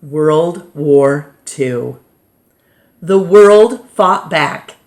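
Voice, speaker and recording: Here a deep-voiced American woman, expressive and a little mellow, reads a nonfiction children's book. Like a teacher at storytime, she goes deliberately, stopping between short phrases.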